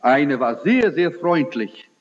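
A man preaching with a loud, forceful voice and a lively, swooping delivery that climbs high on its emphatic points. He speaks slowly, pressing rhetorical questions on his listeners. The sound is dull and lo-fi, with a long reverb from a large hall. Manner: impassioned, rhetorical questions, slow emphatic build-ups. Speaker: evangelist preacher. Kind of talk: sermon.

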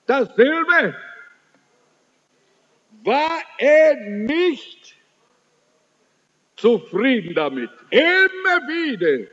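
Slow high-voiced man preaching in a hall. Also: very animated, fairly bright tone. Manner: slow, emphatic preaching with sudden rises and drops in pitch; addresses listeners directly, scolding. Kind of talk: sermon. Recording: dull, muffled recording in a reverberant hall.

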